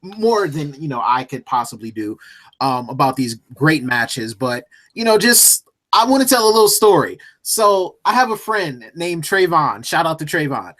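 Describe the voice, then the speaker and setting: A man co-hosting a casual podcast chat, telling an animated, jokey story. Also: on the high side, normal speed. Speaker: co-host.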